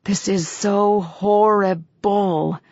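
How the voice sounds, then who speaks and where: A woman's voice: mid-range voice, expressive, a little slow, husky, dry recording, lo-fi sound. A woman reading an audiobook voices a moody, hectoring female artist who stretches her words with emphatic stresses. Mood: dramatic complaining.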